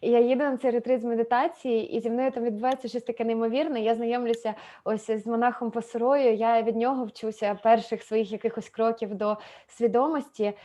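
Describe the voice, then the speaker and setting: A woman in her thirties, her voice sitting a little high, speaks over a video call as the host of a meditation event. She talks in an unhurried, hesitant way, leaning on fillers and restarting her sentences. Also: flat delivery, warm tone. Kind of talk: personal story and invitation on a video call.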